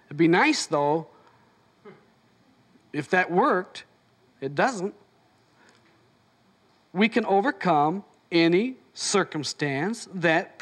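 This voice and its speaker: A man leading a motivational seminar, telling stories and acting out both sides of the conversations. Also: sits high. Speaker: seminar leader. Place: seminar room before an audience.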